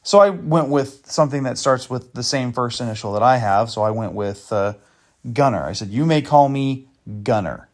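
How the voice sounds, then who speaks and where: Walking through screenshots of a chat, this man hosts a video exposing a scammer in an animated, medium-pitched voice at a moderate pace. He's casual and rambling, full of fillers and restarts, and tosses in dry sarcastic comments.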